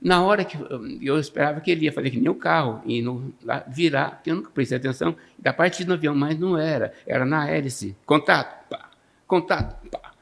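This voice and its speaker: A man's voice: fairly high pitch, fast talker, vocal fry, hardly any pauses. A man with a Brazilian Portuguese accent, a podcast guest telling funny life stories in a casual way and laughing often. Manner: laughs often, acts out quoted voices. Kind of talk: casual storytelling.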